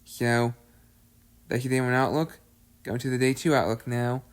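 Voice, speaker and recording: A man's voice: mid-range voice, fairly even intonation, normal speed, clear, resonant tone. A man hosting his own severe weather update, methodically reading out the risks and regions in a repetitive way, sounding slightly out of breath. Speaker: amateur weather forecaster, channel host.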